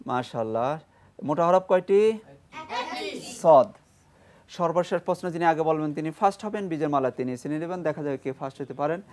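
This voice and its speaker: On a TV lesson, a man teaches Quran reading by spelling out every letter and vowel mark while a group of children repeats after him, and at times he recites the verse slowly and drawn out. His voice sits on the high side, animated with a darkish tone. It's recorded in a broadcast studio with a children's class, the kids chanting along in the background.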